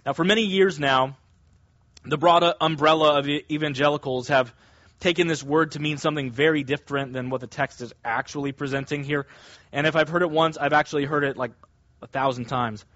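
Male preacher, high voice, emphatic expository teaching, close dry sound. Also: steady tone, a bit bright, no echo, muffled recording. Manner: emphatic, deliberate, with stressed key words. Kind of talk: expository sermon, teaching verse by verse.

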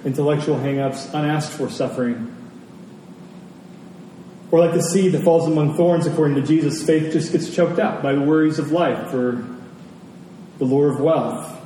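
A man preaches a conversational sermon at a moderate pace, often pausing and repeating key phrases to stress them. His voice is fairly high and mellow. He is in a large reverberant room, captured by a distant mic amid heavy echo and faint noise.

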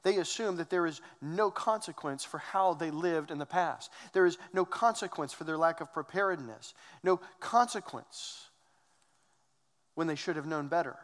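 A pastor delivers an earnest sermon, his fairly high voice pressing each point with emphatic rhetorical questions. His words ring out with a long reverb, as if spoken in a large church sanctuary. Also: moderate pace, a bit bright.

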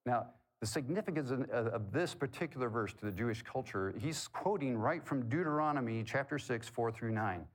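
A man's voice: mid-range voice, lively intonation, normal speed, hardly any pauses. A man preaching a sermon in a conversational way, asking the congregation questions and tossing in corny jokes. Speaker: pastor.

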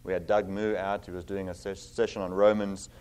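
Here the South African visiting pastor's voice sits low and smooth, darkish in tone, with little pitch movement. The middle-aged man preaches earnestly with plenty of fillers and reads scripture slowly and emphatically.

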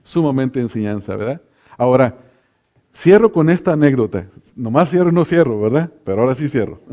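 A man's voice: mid-range voice, lively intonation, fairly quick, dark tone. A middle-aged man, preaching a sermon in a folksy, joking way and addressing the congregation directly. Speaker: pastor.

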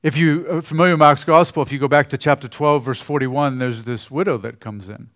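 A man preaching a sermon in a conversational way, often trailing off softly at the ends of phrases. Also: mid-range voice, fairly even intonation, a little fast. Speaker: pastor.

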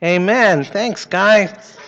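A man's voice: sits high, extremely slow, a bit bright, lo-fi sound, a little hiss or hum. A man leading a simple children's prayer in a sweet, patient Sunday school manner, using short, easy phrases.

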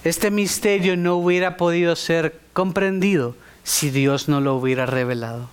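A man's voice: moderate pace, smooth. A man preaching a sermon, speaking emphatically and putting questions straight to the congregation. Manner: emphatic, rising to high exclamations.

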